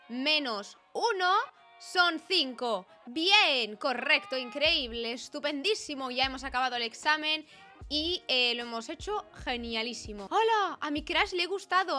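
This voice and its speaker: Woman, Peninsular Spanish accent, gaming host; casual let's-play chatter, exclamatory, high and bright. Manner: chatty and exclamatory, reading game choices aloud.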